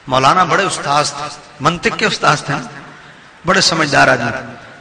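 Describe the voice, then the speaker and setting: Preacher with a high voice in echoing hall. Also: male voice, slight background noise. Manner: animated, explanatory, asks the audience. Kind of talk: sermon with storytelling. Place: mosque hall. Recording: long hall reverb, crowd audible. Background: crowd.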